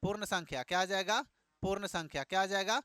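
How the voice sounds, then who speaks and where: A man leads a classroom math lesson in a high, bright voice. He fires questions at the class and repeats every answer back to them. The sound is clean and resonant, with a dry, close feel. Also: quick pace, clean tone, dry recording. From Bihar, India. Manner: call-and-response questioning, repeats each answer. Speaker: teacher.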